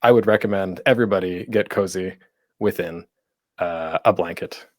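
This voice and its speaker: Speaking close to a mic fitted with a pop screen, a man in a low voice hosts a casual, conversational tutorial panel at normal speed, rambling and self-deprecating with jokey, geeky asides. There's no room sound at all.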